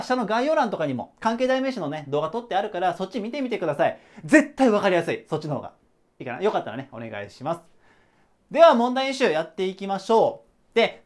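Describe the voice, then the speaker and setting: A man teaching an English grammar lesson at a whiteboard in a casual, chatty way, checking in with rhetorical questions. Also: high-pitched.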